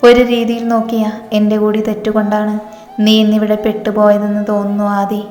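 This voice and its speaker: A woman voicing a remorseful young woman held captive, speaking softly and apologetically. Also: medium pitch, monotone, brisk, close to an everyday voice. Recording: echoey reverb with background music.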